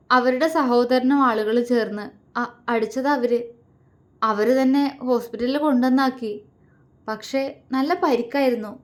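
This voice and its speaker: A woman's voice: on the high side, lightly acted. A woman voicing a frightened middle-aged uncle who stammers as he answers, in a storybook reading. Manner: stammering, fearful.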